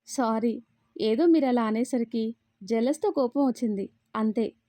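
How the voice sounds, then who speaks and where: A woman's voice: on the high side, unhurried, warm tone, no room sound, natural voice. A woman voicing an earnest, possessive young woman in a storybook reading. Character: young woman Darshini, jealous then apologetic. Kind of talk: storybook read-aloud.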